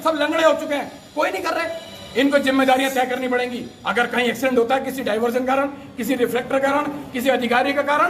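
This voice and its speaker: A man with a strikingly high voice rattles off a heated protest statement at speed. He accuses and demands, piling up rhetorical questions for the reporters holding a mic to him outdoors. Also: fairly bright tone, a little hiss or hum. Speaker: protesting political worker.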